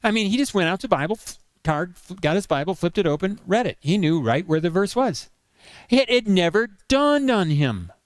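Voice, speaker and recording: A man's voice: sits high, a little fast, few pauses, no echo. Guy preaching, tells a story and acts out the voices, dry close sound. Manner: animated, acts out the dialogue of his story. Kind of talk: sermon storytelling.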